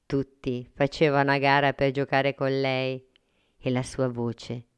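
A woman reads a children's story slowly and calmly, her voice low and smooth. The recording is dry and close, with no room behind her. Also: no echo. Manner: slow, calm, clear.

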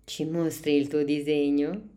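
Woman voicing a gentle storybook teacher, slow and low, warmly encouraging the children. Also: little pitch movement. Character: kind female schoolteacher, gentle and encouraging. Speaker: teacher figure.

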